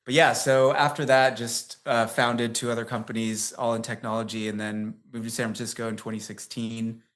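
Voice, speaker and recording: In a mid-range, fairly bright voice with flat delivery and a moderate pace, an unaccented American man in his fifties tells long anecdotes. He's a tech CEO guest in a casual interview, chatty and rambling, with frequent laughs and fillers like "like" and "um."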